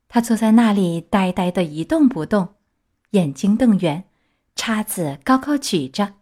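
A woman narrating a children's book aloud with steady, clear delivery. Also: mid-range voice. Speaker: storyteller.

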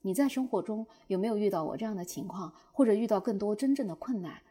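A young woman telling viewers a personal story in a lively way, acting out her own past outbursts. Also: medium pitch, fast talker, breathy edge. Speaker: short-video creator.

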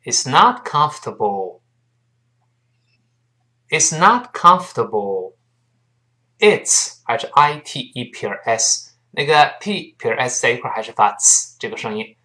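A man with a mid-range, sharp-toned voice and lively intonation teaches a spoken English lesson in Mandarin Chinese. He spells words letter by letter and drills phrases slowly.

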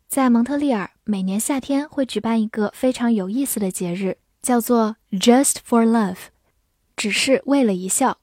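In a scripted English vocabulary lesson, a woman spells out words one letter at a time and reads example sentences slowly. Her voice is medium in pitch with a somewhat dark tone, captured dry and at studio quality.

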